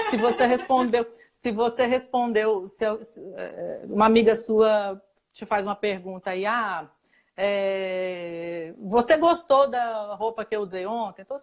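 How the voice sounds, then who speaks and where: A woman with a Brazilian Portuguese accent, a guest expert in a casual live chat, explaining at length with fillers and laughs. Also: fairly high pitch.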